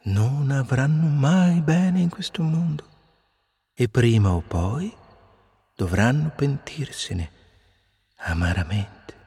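A man voicing a patient, wise old cricket in a storybook reading, speaking slowly, calmly and gravely. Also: mid-range voice, in a large hall, exaggerated voice. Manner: slow, calm, grave and preachy.

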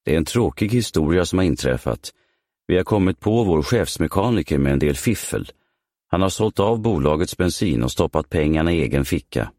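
A man reading a brisk middle-aged male aviation director in a storybook, speaking crisply and matter-of-factly. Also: low voice, animated, darkish tone, no room sound. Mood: curt. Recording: dry close studio sound.

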